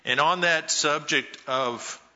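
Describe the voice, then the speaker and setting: Slow, bright-voiced man giving a church talk. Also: on the high side, dull audio. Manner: slow, folksy storytelling with pauses. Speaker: church speaker. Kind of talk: Mother's Day church message with jokes.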